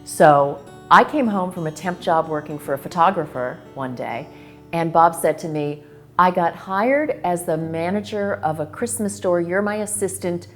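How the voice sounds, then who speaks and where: Deep-voiced woman recounting matter-of-factly. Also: expressive, moderate pace, faint music behind. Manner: matter-of-fact, conversational. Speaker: interviewee, business partner. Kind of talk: documentary interview storytelling.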